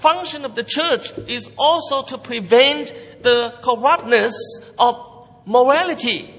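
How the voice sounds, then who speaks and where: A man's voice: very high-pitched, a little slow, fairly bright tone. A man interpreting a sermon into English at a pulpit microphone in a large church hall. He follows each phrase closely, with small slips and restarts. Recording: long hall reverb.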